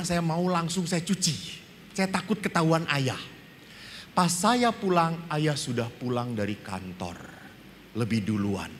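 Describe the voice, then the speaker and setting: A middle-aged priest speaks to a seminar audience with a bright, forceful voice pitched a little high. He tells his stories with lively humor and acts out the voices in them. The sound carries a long reverb from the hall, with faint background noise. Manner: animated storytelling, acting out quoted dialogue.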